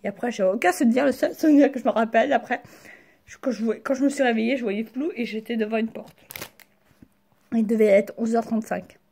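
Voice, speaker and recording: Mellow young Frenchwoman talking after wisdom teeth removal. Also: on the high side, vocal fry, slightly rough. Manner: halting, slangy, searching for words. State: sore mouth after wisdom teeth removal, careful speech. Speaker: vlogger. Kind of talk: casual personal storytelling to camera.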